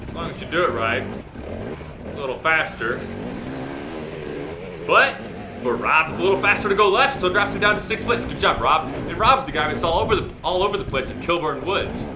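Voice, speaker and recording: Male motovlogger, chatty and self-deprecating race commentary, fry in the voice, recorded roomy with clear vehicle noise. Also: on the high side, expressive, fairly quick, long pauses. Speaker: motovlogger and amateur dirt bike racer. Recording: roomy echo, loud engine and ambient noise.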